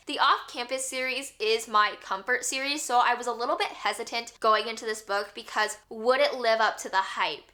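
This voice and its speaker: A bright, high-ish young woman's voice, chatty and upbeat, reviewing romance books for her vlog. She gushes and tosses in lots of casual asides as she goes. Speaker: book vlogger.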